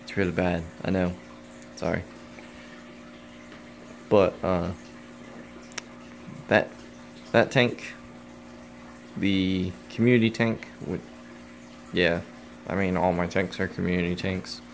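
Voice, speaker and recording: Gravelly young man vlogging his reptiles. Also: sits low, fairly even intonation, slow, pauses often. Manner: rambling, joking, talks to his pets. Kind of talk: casual vlog. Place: home, indoors. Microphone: phone camera. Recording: phone recording with faint background noise.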